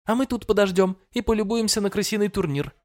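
A man's voice: high-pitched, quick pace, a little mellow, pitched above the performer's own voice, lightly acted. A man voicing a cold, poised young enchantress who speaks with ringing, polite coolness. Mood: cool. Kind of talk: audiobook character voice.

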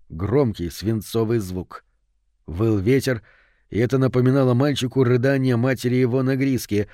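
Low-voiced man narrating a horror audiobook. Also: mellow, no echo, clean studio sound.

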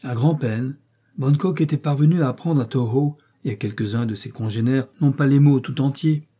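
Reading a scripted adventure novel as an audiobook, a man narrates with measured expressiveness. His very dark, distinctly husky voice sits at a middle pitch for a male speaker.

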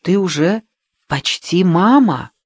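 A man reading the part of a gentle, remorseful young man who speaks in a hesitant, subdued way. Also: high-pitched, lively intonation, slow, breathy edge, no room sound, exaggerated voice. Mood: troubled.

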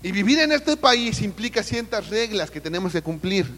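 A man's voice: sits high, sing-song, moderate pace, fairly bright tone, in a large hall. A Mexican man preaching a sermon with a Mexican Spanish accent, calling his listeners brother and putting questions to the congregation. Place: church service.

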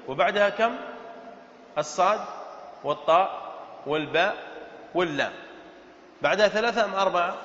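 A man's voice: high voice, sharp tone. Man, lesson, questioning and repeating, faint room noise, reverberant hall. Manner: quizzes students with questions, repeats key points. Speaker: sheikh teaching Arabic morphology. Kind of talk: classroom lesson. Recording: echoey, dull lecture-hall recording.

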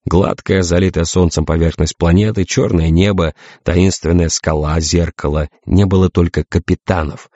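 Deep-voiced male audiobook narrator. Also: steady tone, normal speed, hardly any pauses, mellow, no echo, highs cut off.

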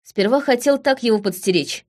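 A woman voicing a hurt young village man who confesses haltingly and repeats himself. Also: a little high, a little mellow, voice pushed up, close to an everyday voice. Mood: confessing.

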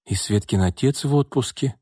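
A man's voice: medium pitch, moderate pace, dark tone, breathy edge, no room sound, clean studio sound, voice pushed up, close to an everyday voice. A man reading an audiobook voices a tired young woman who runs a construction firm, anxious and pleading. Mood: worried.

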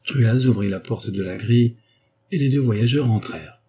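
A man with a husky voice narrating a novel in a steady, measured reading. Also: medium pitch. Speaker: audiobook narrator. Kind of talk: scripted narration.

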